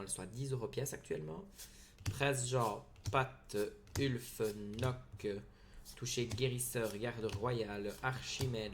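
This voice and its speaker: A man with a mid-range voice hosts a casual card-opening video. He rattles off card names in steady lists and drops in quick asides. A faint noise floor sits under his voice. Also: medium pitch.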